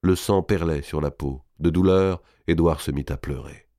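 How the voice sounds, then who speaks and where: A man reading a historical novel aloud in a measured, even storytelling manner. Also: a bass voice, no echo, studio quality. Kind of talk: audiobook narration.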